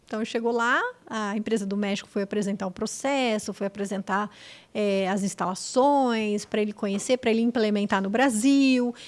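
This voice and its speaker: A middle-aged woman from Brazil, an English teacher, chatting as a podcast guest and explaining with quick, animated examples. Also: medium pitch. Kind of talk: casual podcast chat.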